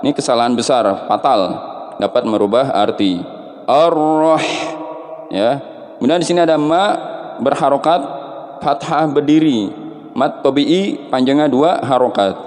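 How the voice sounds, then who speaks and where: A man teaching Quran recitation rules, explaining patiently and chanting drawn-out example verses. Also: mid-range voice, lively intonation, a little mellow, in a large hall. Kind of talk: tajwid lesson with chanted recitation.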